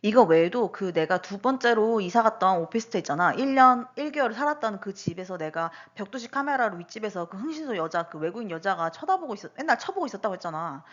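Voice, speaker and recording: A woman's voice: medium pitch, quick pace, few pauses. A woman in her thirties casually recounting personal incidents in a monologue, full of rhetorical questions. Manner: animated, lots of rhetorical questions and fillers. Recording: dull lo-fi recording.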